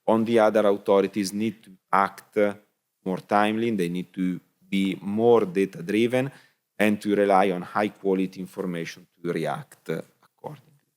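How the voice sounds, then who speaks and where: A man's voice: deep voice, fairly even intonation, normal speed, a little mellow. A man presenting at a conference session, hesitant and full of fillers. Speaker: conference speaker. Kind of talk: presentation talk.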